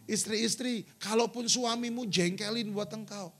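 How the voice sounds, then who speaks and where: Middle aged pastor guy preaching, high pitched w some gravel, acts out the quotes, soft music under. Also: unhurried. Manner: lively storytelling preacher, acting out quotes. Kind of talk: sermon. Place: church sanctuary.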